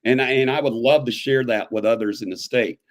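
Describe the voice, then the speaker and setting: A man in his fifties, a high school history teacher, speaking as an interview guest in an animated, emphatic way that builds to pointed questions. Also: fairly quick. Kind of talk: conversational interview.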